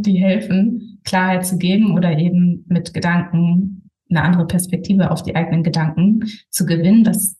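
A woman's voice: lowish voice, dark tone, echoey room, rough recording. A woman hosting a podcast interview who asks her guest friendly, open questions. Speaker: podcast host.

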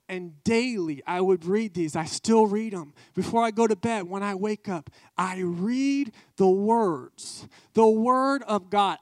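A man's voice: high voice, no echo, studio quality. A man preaching a testimony sermon, fervent and emphatic, repeating his key phrases.

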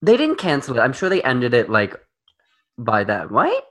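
A man co-hosting a podcast in casual pop-culture chat, talking in a sassy, expressive way. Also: moderate pace. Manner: expressive and sassy, with big swoops up in pitch. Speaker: podcast co-host.

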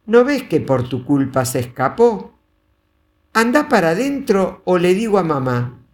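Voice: medium pitch, big pitch swings, measured pace, voice pushed up. A storyteller voicing a bossy, exasperated older boy who scolds his little sister. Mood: scolding.

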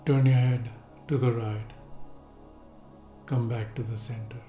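Leading a seated meditation, a man gives guided relaxation instructions slowly and gently, pausing at length between them. His mellow, dark, middle-pitched voice stays level, set in a roomy echo over faint soft music.

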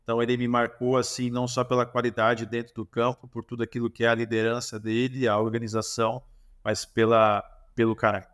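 A Brazilian man in his forties, a former goalkeeper, tells lively stories as a guest in an interview, with a Brazilian Portuguese accent. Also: medium pitch, brisk, clear, resonant tone. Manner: animated, lively storytelling with acted dialogue. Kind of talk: storytelling interview answers.

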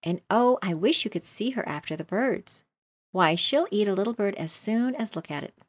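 A woman's voice: mid-range voice, lively intonation, normal speed, dry recording, pitched above the performer's own voice, lightly acted. A woman voicing an eager, polite young girl who talks humbly and earnestly.

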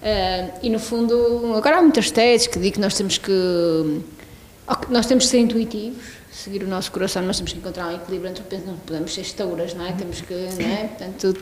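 A woman hosts a casual podcast conversation. She speaks in a measured, deliberate way. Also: medium pitch, darkish tone, a little hiss or hum.

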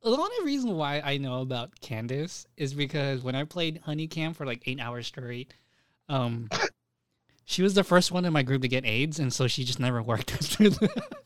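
A man's voice: mid-range voice, very animated, moderate pace. A man co-hosting a podcast in casual chat, laid-back and swearing freely as he reads names off a list. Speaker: podcast co-host.

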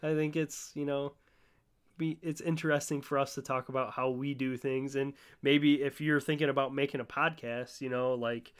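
A young man co-hosting a podcast in relaxed chat, rambling with lots of "like" and "you know" and casual swearing. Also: mid-range voice, moderate pace, smooth. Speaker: podcast co-host.

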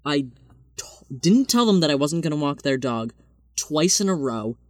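A man's voice: a little high, very animated, moderate pace, a little hiss or hum. Casual young guy telling rambling stories. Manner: rambling, self-deprecating storytelling with many fillers. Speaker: podcast co-host.

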